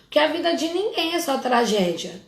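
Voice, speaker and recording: A middle-aged woman with a Brazilian Portuguese accent speaks a little fast in a high, sing-song, gravelly voice, recorded in an echoey room. She works as a family constellation therapist and addresses her followers casually and directly, scolding them with informal asides.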